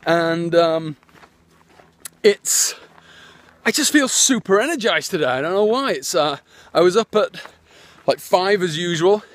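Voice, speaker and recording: A man's voice: high voice, lively intonation, a little slow, pauses often. A man chatting in a rambling way, full of fillers and restarts, while live-streaming on his phone outdoors on a walk. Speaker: internet marketer. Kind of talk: live-streamed walking vlog. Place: outdoors, walking his land.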